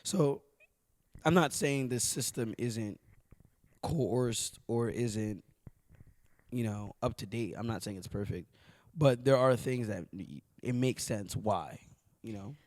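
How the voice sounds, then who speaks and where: A young man from Haiti chatting on a podcast, explaining at length and getting animated when he tells stories. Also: medium pitch, slow pace, no echo. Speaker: podcast co-host. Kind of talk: casual podcast chat.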